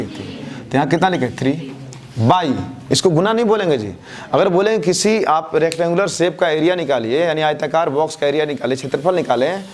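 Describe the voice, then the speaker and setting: A man teaching a math class, who keeps asking questions and answering them himself, his answers dropping low and soft. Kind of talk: classroom lecture with call-and-response questions.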